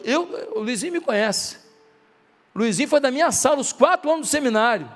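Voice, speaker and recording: A man's voice: very high voice, big-room sound. A male pastor from Brazil preaching a sermon, asking his listeners questions and acting out dialogue. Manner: acts out quoted dialogue in softer voices; asks the congregation rhetorical questions.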